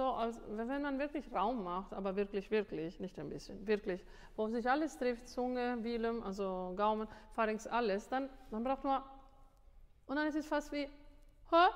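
Woman vocal coach, fairly high voice, animated and repetitive, tired, long reverb of a school room. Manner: animated, repeats words, mixes in English. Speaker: singing teacher. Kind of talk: masterclass coaching.

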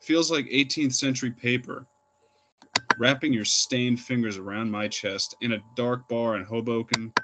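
In this poetry reading, a young man with a medium-pitched voice shares his own work at an open mic. His delivery is plain and unpolished, with fillers between poems, and heavy background noise runs underneath.

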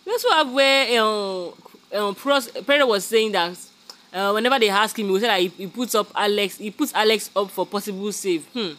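Host doing a reality show recap, bright voice, chatty, keeps saying guys. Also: medium pitch, moderate pace. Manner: chatty, calls viewers "guys", many fillers. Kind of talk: casual gossip recap.

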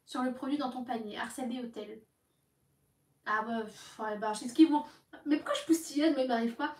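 A young woman telling her followers about phone calls in a casual, animated way, acting out the other side of each call. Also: a little high, a little fast. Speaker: live streamer talking to her followers. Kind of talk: casual storytelling to viewers. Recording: echoey room, voice from some distance.

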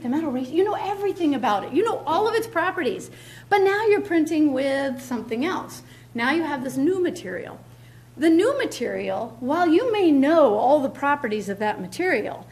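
A middle-aged woman giving a keynote lecture at a podium in a large lecture hall, emphatic, repeating key words, with frequent ums. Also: a little high. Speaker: keynote speaker. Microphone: podium mic, filmed from far back.

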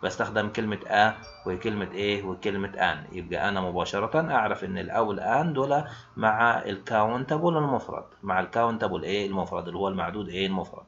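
A man's voice: fairly low pitch, fast, fairly bright tone. A man with an Egyptian Arabic accent teaching an online English grammar lesson. He keeps asking questions and answering them himself. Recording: dull lo-fi sound.

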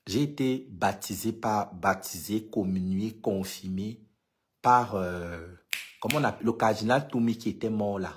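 A deep, unhurried voice speaks casually to followers in a vlog monologue. The speaker is an LGBT activist from Cameroon with a Cameroonian French accent, who talks emphatically and repeats points to stress them.

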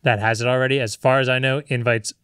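A man's voice: mid-range voice, little pitch movement, quick pace, fairly bright tone, smooth, no room sound. A man co-hosting a tech podcast in casual chat, rambling with lots of fillers. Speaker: podcast co-host.

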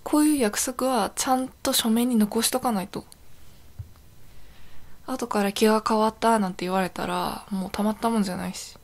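A woman's voice: medium pitch, moderate pace, close to an everyday voice. A woman playing a young, possessive yandere girlfriend in an intimate role-play audio drama, sounding sweet, clingy and eerily obsessive. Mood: insistent, possessive.

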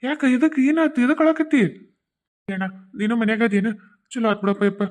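A woman's voice: on the high side, expressive, fairly quick, darkish tone, natural voice. A woman voicing a frantic young village man bringing bad news, with a North Karnataka Kannada accent. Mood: urgent. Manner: urgent, tearful pleading.

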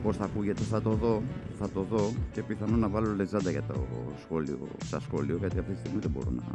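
A man's voice: on the low side, fairly even intonation, over loud music. Rambling Greek man talking from a motorcycle helmet. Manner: rambling, self-mocking, full of fillers. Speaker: motovlogger. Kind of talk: casual chat while riding. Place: riding a motorcycle at night on city streets. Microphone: external recorder mic inside a helmet.

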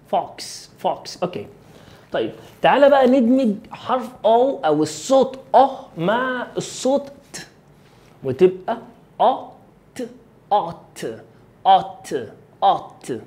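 Warm Egyptian English teacher drilling sounds. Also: male voice, high voice. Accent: Egyptian Arabic. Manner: repeats sounds slowly and drills them; friendly, coaxing questions to the learner. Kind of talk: phonics lesson for children.

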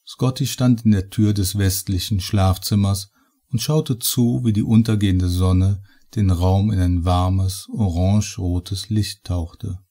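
Slow, dark-voiced male horror narrator. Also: low-pitched. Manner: measured, slow storytelling. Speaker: audiobook reader.

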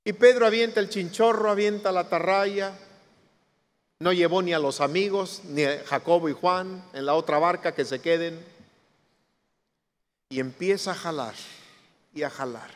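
A man's voice: sits high, moderate pace, long pauses, in a large hall. A man preaching a sermon as pastor, telling the story dramatically and acting out the voices he quotes. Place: church hall.

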